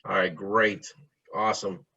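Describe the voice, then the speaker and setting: A man, the guest presenter, speaking on a video call in a relaxed, slightly unsure way while sharing his screen. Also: low-pitched, a little slow, vocal fry, breathy edge, lo-fi sound. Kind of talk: casual talk before a presentation.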